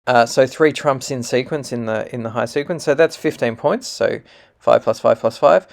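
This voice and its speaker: Male game teacher, gravelly voice, patient and explanatory, thinks aloud as he plays. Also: mid-range voice, moderate pace. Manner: patient, explanatory, with fillers and self-corrections.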